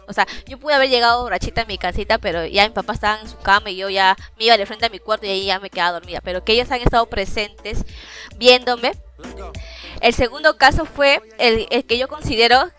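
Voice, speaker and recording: A woman's voice: a little high, a bit bright. A woman chatting casually with friends about her own experiences. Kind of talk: casual chat.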